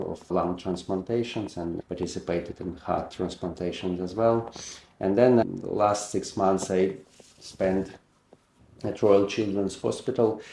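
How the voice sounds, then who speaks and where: A middle-aged man speaks English with a Ukrainian accent, recounting his career as a surgeon. His voice is low and mellow, and his phrasing is measured and a little non-native, with restarted words. The room around him gives a noticeable echo. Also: gravelly, slight background noise. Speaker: heart and lung surgeon. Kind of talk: personal career account.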